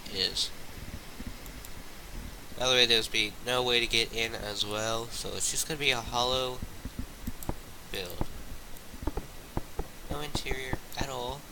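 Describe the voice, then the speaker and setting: A man giving casual, rambling commentary while playing a building game, halting often with fillers and restarts. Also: medium pitch, creaky, noisy background. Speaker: gaming channel host.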